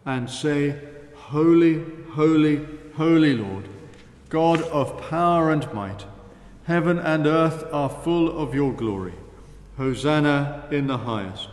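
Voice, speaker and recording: A man, a priest, leading the Mass in solemn, measured prayer and chant, his voice ringing with cathedral echo. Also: on the high side, darkish tone. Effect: cathedral echo, long church reverb. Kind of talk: liturgical prayer, spoken and chanted. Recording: echoey reverberant church hall.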